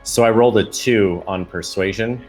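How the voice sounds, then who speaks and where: A man's voice: fairly low pitch, normal speed, darkish tone, faint music behind. A man playing a tabletop game, chatting casually and joking with the group. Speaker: player.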